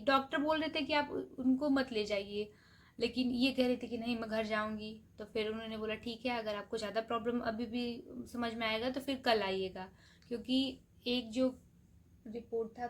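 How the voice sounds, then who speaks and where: A woman vlogger talking casually to her viewers from a hospital and later at home, explaining things step by step, hushed late at night. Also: on the high side. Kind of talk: casual vlog narration. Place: hospital grounds, then home room.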